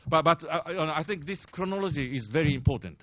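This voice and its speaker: A man's voice: on the high side, expressive, dry recording. A man in his sixties with a Japanese accent, speaking English at a press briefing, full of fillers and restarts and growing emphatic. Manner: halting, many fillers and restarts, grows emphatic. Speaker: press briefer, former diplomat. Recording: dull lo-fi sound, dry.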